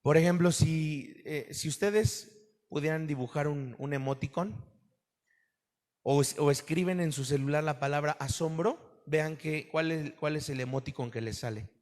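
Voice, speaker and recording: Pastor, male, raised voice, lively sermon delivery, recorded in a reverberant church hall. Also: on the high side, normal speed. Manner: animated preaching to a congregation, asks questions.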